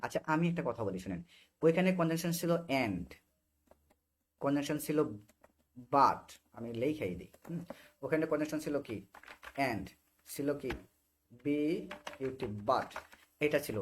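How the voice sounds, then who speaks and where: A man's voice: on the high side, animated, a little slow, pauses often. A young Bangladeshi man teaching an online English class over a video call, explaining grammar by repeating short phrases and often checking that students understand. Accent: Bangladeshi Bengali.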